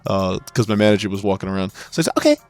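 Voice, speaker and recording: A man's voice: on the low side, lively intonation, racing, no room sound. Exasperated man ranting, heavy swearing. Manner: profane, exasperated, with frequent restarts. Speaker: retail sales worker. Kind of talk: ranting storytelling.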